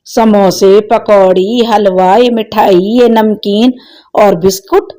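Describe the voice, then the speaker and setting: A woman voicing a cheeky, sharp-tongued young woman who answers back with witty replies. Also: mid-range voice, steady tone, slow, close to an everyday voice.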